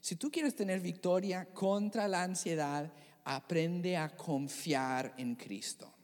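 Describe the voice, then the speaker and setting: A pastor preaching a sermon in a church, expressive and dramatic, asking the congregation questions. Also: mid-range voice, takes it slowly. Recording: long church hall reverb.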